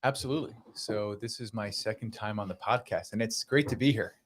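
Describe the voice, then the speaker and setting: Speaking a little fast in a low-leaning voice, this man in his thirties, a pain doctor whose first language is Croatian, chats on a podcast with eager enthusiasm. He often restarts sentences and leans on fillers, and there's a faint hiss or hum.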